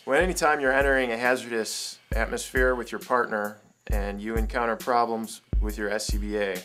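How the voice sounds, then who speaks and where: A man with a lowish, slightly bright voice gives step-by-step instructions as a firefighter training instructor, speaking in a plain, procedural way. The room is echoey and music plays underneath.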